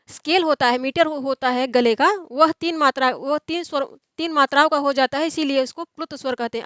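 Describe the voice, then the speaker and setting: With a high, slightly bright voice and no echo, a young woman works through exam material in an online lecture. She goes step by step, posing questions and answering them herself.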